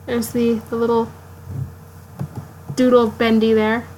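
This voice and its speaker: A woman live-streaming her drawing late at night, sleepy and yawning, rambling to herself in halting, self-interrupting talk. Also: fairly high pitch, monotone, warm tone, slight background noise, rough recording. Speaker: art streamer.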